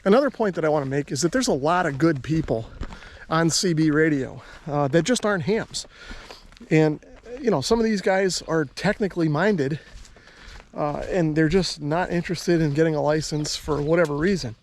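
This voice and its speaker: Fairly high in pitch and moving at a moderate pace, this American man speaks to viewers as a hobbyist video host focused on radio, laying out his ideas in a friendly, conversational manner.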